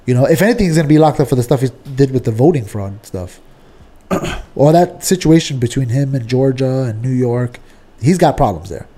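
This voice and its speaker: A man in casual political chat, argumentative and animated, peppering his talk with fillers. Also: medium pitch, fairly quick.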